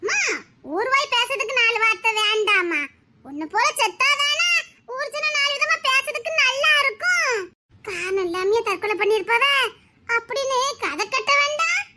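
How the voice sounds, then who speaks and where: A woman's voice: very high voice, expressive, moderate pace, bright, forceful tone, a little hiss or hum, exaggerated voice. A woman voicing a sarcastic older sister figure in a drama, speaking with a Tirunelveli Tamil accent and jeering in a mocking tone.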